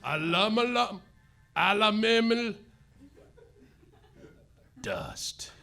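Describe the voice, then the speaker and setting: A male actor on a live theater stage voices a hapless hard-boiled detective in a comedy radio play, narrating his woes in mopey, overwrought noir fashion. He speaks very slowly in a high, bright, forceful voice with vocal fry and huge pitch swings, exaggerated, as soft music plays.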